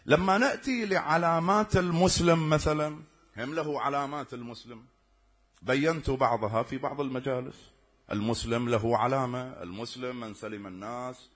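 A man's voice: mid-range voice, slightly rough. A man preaching a sermon, often putting rhetorical questions to his listeners.

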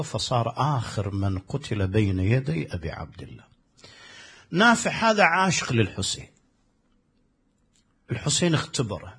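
A man's voice: mid-range voice, gravelly, breathy edge. A man preaching a sermon, telling a story with passion and acting out the dialogue of the people in it. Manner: impassioned, acts out quoted dialogue with rising force.

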